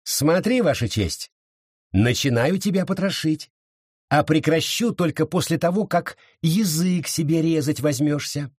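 Brief: man doing a cold, taunting young woman, husky, slow menace, raised pitch, lively swings. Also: no room sound, studio quality. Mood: menacing. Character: fierce vengeful young woman, cold and mocking.

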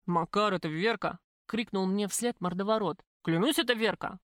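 A woman's voice: medium pitch, normal speed, no room sound, natural voice. A woman voicing a drunk, brutish male thug who jeers and threatens, in a dry audiobook reading. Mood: menacing. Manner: rough, jeering.

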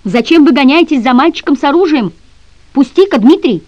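A woman reading aloud, voicing a stern young gentleman detective who speaks forcefully and growls his demands. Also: high voice, animated, a little fast, no echo, pitched above the performer's own voice. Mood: indignant. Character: stern commanding young male gentleman sleuth. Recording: dry, slightly dull audio.

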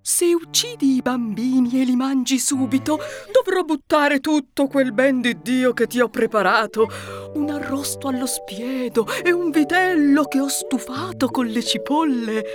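A woman voicing the ogre's timid, kindly wife in a storybook reading, soft and coaxing. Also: sits high, a little slow, soft background music. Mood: pleading.

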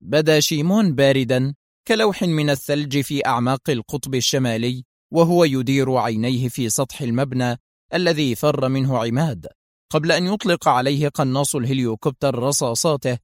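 A man narrating a thriller audiobook in a measured, solemn storytelling manner. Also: medium pitch, no room sound, studio quality.

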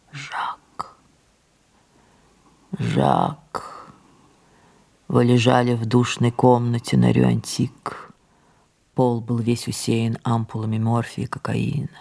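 In an audio drama, an older actress plays an aging, imperious and melancholy French stage star through monologue and dialogue. Her female voice is extremely low and a little mellow, and her delivery is heavily acted. She declaims theatrically, drawing out words before dropping into breathy murmurs.

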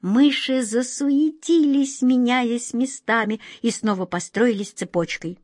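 A woman narrating a children's fairy tale with expressive storybook reading. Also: fairly high pitch, measured pace, no room sound, studio quality.

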